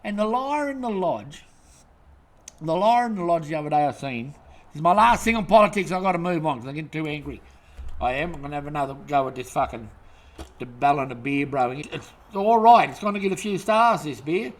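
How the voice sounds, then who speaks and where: A man's voice: a little high, expressive, brisk. An Australian man hosting his own show, ranting angrily and rambling, swearing constantly. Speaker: host. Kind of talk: profane rant to camera.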